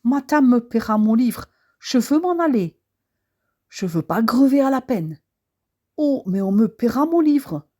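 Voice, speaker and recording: A woman's voice: a little high, big pitch swings, measured pace, dark tone. A woman voicing a sleepy, grumbling maid with a put-on Alsatian accent, yawning through short replies.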